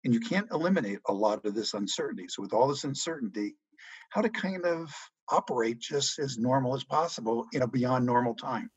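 A middle-aged man answering interview questions about money in a measured, reassuring way. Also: mid-range voice, expressive, breathy edge, no room sound, poor audio. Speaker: guest economics journalist.

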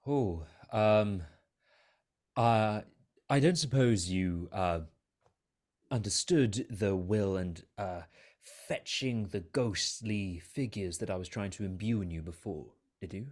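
A man playing a hesitant, articulate elf in a tabletop game, choosing formal words carefully and haltingly. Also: lowish voice, darkish tone. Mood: hesitant, concerned. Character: hesitant, articulate male elf, anxious and courteous.

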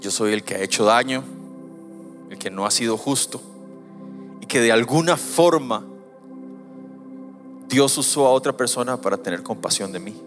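Male preacher, animated sermon delivery, medium pitch, faint music bed. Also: moderate pace, pauses often. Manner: animated, swings from soft asides to loud emphatic preaching.

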